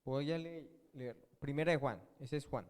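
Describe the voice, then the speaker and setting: A man's voice: mid-range voice, normal speed, darkish tone. A man preaching a sermon as pastor, often asking his congregation questions and answering them himself. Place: church hall. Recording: long church-hall reverb.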